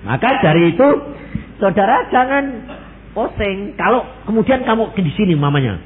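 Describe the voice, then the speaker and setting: Javanese-accented male pastor, fairly high voice, lively sermon, tinny phone-like recording. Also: moderate pace, slight background noise. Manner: animated, mixes in Javanese, acts out quoted prayers.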